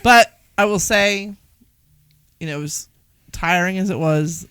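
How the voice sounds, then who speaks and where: Woman, casual podcast chat, bright voice, dry close recording. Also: fairly low pitch, unhurried, smooth, no echo. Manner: chatty storyteller, many "like" fillers. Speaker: podcast co-host.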